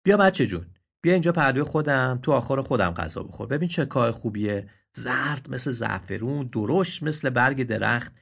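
A man voicing a kind, gentle old donkey in a read-aloud story, speaking in a soothing, coaxing way with a husky tone. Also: medium pitch, pitched above the performer's own voice, heavily acted.

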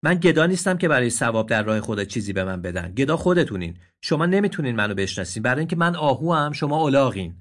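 Guy doing a proud sad gazelle, higher pitched, husky and pleading, storybook voice. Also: animated. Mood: indignant. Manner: raised, pleading and indignant. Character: proud grieving adult male gazelle. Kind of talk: storybook voice acting.

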